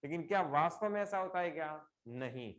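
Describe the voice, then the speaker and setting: A middle-aged man teaching a live online class, explaining slowly with repeated examples and putting questions to his students. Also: fairly high pitch, expressive.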